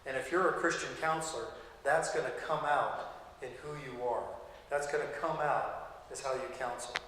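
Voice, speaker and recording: A man's voice: mid-range voice, moderate pace, a bit bright, a little hiss or hum. Man lecturing in a very echoey classroom. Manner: conversational, frequent "okay?" check-ins. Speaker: Bible college instructor. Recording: echoey classroom with long reverb.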